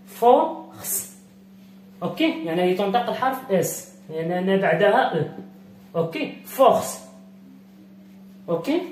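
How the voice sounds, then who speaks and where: A woman with a Moroccan accent, teaching French reading slowly, repeating words and sounding them out. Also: medium pitch, darkish tone, recorded from a distance. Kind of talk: reading lesson explaining French in Arabic. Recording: echoey room, voice off-mic.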